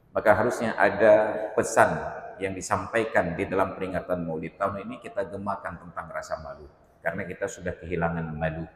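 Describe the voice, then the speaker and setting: A man with an Acehnese accent preaches a stern, emphatic sermon and makes his points through stories. His voice sits very low, and the room around him rings with echo. A long reverberant tail trails each phrase. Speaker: Islamic preacher. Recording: echoey reverberant hall.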